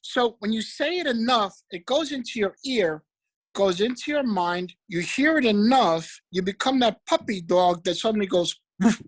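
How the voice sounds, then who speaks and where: A man giving an energetic, preachy motivational talk about trading, repeating affirmations. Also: sits high, moderate pace, poor audio. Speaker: motivational speaker for a trading group.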